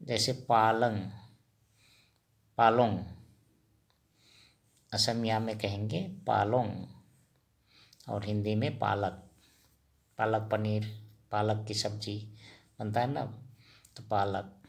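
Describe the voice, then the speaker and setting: Man, language teacher, gravelly low voice, repeats words, quizzes listeners. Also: steady tone, slow pace, pauses often. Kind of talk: slow spoken vocabulary lesson.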